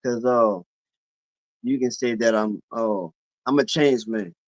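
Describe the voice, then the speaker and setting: A man in his forties with a Louisiana accent, a guest telling stories in a relaxed, drawling way during a casual chat. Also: medium pitch, slow, no room sound, low-quality recording. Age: 40s.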